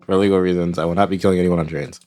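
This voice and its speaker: A man with a fairly low voice chats and jokes with friends before a tabletop session. He rants in mock outrage and swears without a second thought. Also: level tone, very fast, mellow. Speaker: podcast host. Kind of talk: casual banter before a tabletop game.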